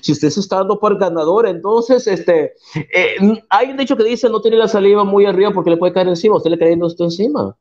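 High-voiced combative man debating online. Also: a little fast. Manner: combative, preachy, quotes scripture loudly. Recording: dull lo-fi call audio.

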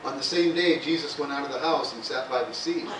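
A man's voice: mid-range voice, fairly quick. A male pastor giving a conversational sermon, often adding "amen" and "hallelujah" between points. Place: church sanctuary. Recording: echoey church room, voice from far off, faint hiss.

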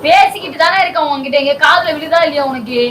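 High-pitched woman nagging nonstop in a comedy skit, bossy and insistent. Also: fast talker, fairly bright tone, slight background noise, low-quality recording. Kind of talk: scripted comedy argument.

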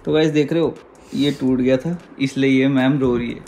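A man's voice: mid-range voice, steady tone, normal speed, a little mellow, soft background music. A young man hosting a casual vlog, chatting and teasing, talking straight to his viewers. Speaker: vlogger.

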